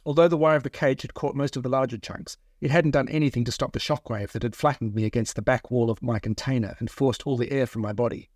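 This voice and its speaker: A man, the author, narrating his own novel in the first person with steady, measured storytelling. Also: mid-range voice, dry recording, studio quality.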